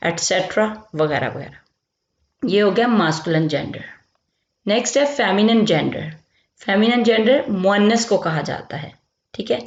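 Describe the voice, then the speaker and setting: A woman from Pakistan teaching a grammar lesson. She explains slowly and keeps checking in as she repeats each term. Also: mid-range voice. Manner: explains slowly, repeats terms, says "theek hai" often. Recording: lo-fi echoey room.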